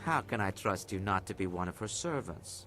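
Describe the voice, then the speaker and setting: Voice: low-pitched, expressive, normal speed, music in the background. An actor voicing a wary keeper of a haunted inn in a video game, speaking formally and with suspicion. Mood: guarded.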